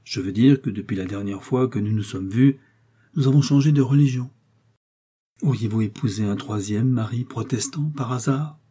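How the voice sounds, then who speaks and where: A man's voice: mid-range voice, normal speed, dark tone, slightly rough, close to an everyday voice. A man voicing a sneering, mocking aristocratic baron. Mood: sneering mockery. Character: sneering aristocratic English baron, middle-aged.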